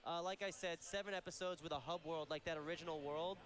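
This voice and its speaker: Fast-talking, high-pitched man demoing a game. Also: steady tone. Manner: chatty, jokey, enthusiastic. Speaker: game developer presenting a demo. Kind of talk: live gameplay demo commentary, casual. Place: live convention stream.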